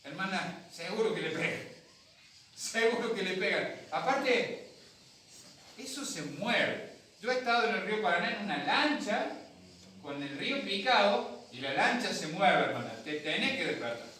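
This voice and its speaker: A man's voice: high voice, sing-song, moderate pace, pushed and bright, slight background noise. A male pastor with an Argentine accent, preaching a sermon in a storytelling way and acting out voices for his congregation. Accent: Argentine Spanish. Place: church hall. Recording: echoey hall from a distant mic.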